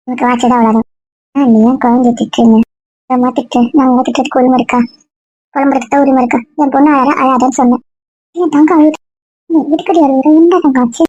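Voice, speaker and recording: A woman playing a high-voiced, grumbling stubborn woman. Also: dark tone, no echo. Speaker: actor in a family comedy-drama skit. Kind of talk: casual web-series acting. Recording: dull lo-fi dry sound.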